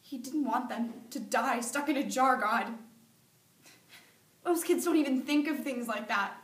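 A woman's voice: high-pitched, unhurried. Stage monologue: tragic, sorrowful teen girl played by a young woman, pleading and grieving, heard in a roomy, echoing space. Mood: wistful grief. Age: young adult. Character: grieving teenage girl pleading with God over dead brother. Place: medium-sized school classroom, indoors. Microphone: camera several metres away. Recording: echoey room, distant microphone.

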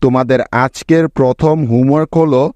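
A man's voice: mid-range voice, fairly even intonation, darkish tone, dry recording, dull audio. A man teaching English spelling rules in a scripted lesson, explaining step by step and often stopping to ask whether the listener has understood. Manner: explains slowly and asks frequent check-in questions.

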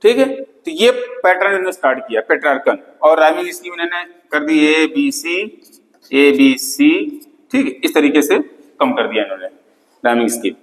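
Lecturer in a reverberant classroom. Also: male voice, a little high, animated, moderate pace. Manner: repeats key terms, frequent "theek hai" checks. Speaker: English literature lecturer. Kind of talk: classroom lecture mixing Hindi and English. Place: classroom with board.

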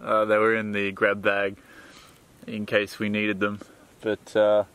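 Relaxed male sailing vlogger. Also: fairly low pitch, unhurried, smooth. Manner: relaxed, chatty, explains while working. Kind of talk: casual vlog narration.

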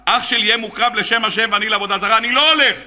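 A man voicing a stubborn talking bull who flatly refuses to go, blunt and indignant. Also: sits high, muffled recording.

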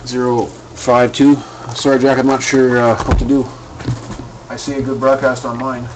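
Sitting at a home desk, a man runs a live card break, chatting loosely with lots of filler words and restarts at a moderate pace. His middling-pitched voice stays level, and the low-quality camera mic picks up a faint hiss of room noise.

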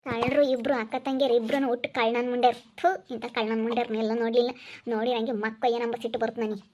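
A woman's voice: fairly high pitch, flat delivery, fast talker, a little mellow, slight background noise, close to an everyday voice. A woman playing a chatty village mother who gossips and lectures. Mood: gossiping. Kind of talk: village family drama acting.

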